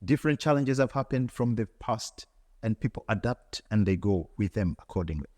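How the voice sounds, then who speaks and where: A man's voice: on the low side, expressive, fairly quick, warm tone, long reverb tail. A man from Tanzania, answering as an interview guest in an earnest, reflective way, often repeating words and restarting.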